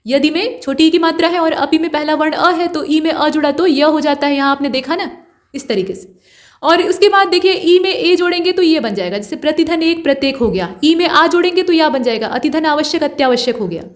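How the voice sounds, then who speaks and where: A woman's voice: high voice, a little fast, few pauses. A woman teaching a grammar lesson for exam preparation, explaining step by step and repeating key points.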